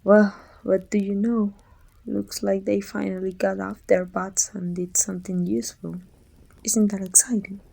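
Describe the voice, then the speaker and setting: A woman from Mexico performs a weary, bittersweet female supervillain for an ASMR roleplay, her husky, breathy voice crackling with fry at the edges. Medium in pitch, warm, and fairly flat, she speaks pensively and deliberately, often sinking toward a whisper in a softened mood.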